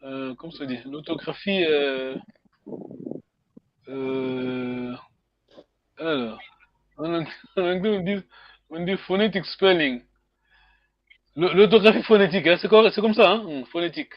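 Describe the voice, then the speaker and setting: A man teaching a language class online, questioning his students, with slow speech and many hums. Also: on the high side, no echo, dull audio. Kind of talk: online group lesson.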